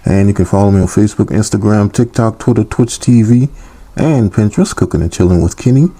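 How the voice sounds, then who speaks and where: A man's voice: on the low side, brisk, warm tone, slightly rough. A man hosting his own cooking channel, talking casually and teasing his viewers in a playful way. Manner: playful, teasing, petty humor.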